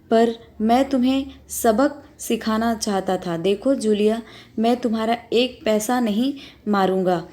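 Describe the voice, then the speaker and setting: A woman voicing an angry male employer who scolds and lectures his timid governess. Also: on the high side. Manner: shouting, trembling with anger.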